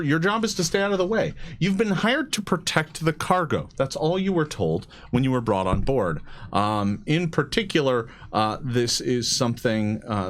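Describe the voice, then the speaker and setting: Acting as game master for a tabletop game, a man with a medium-pitched voice narrates, improvising haltingly and often repeating his words.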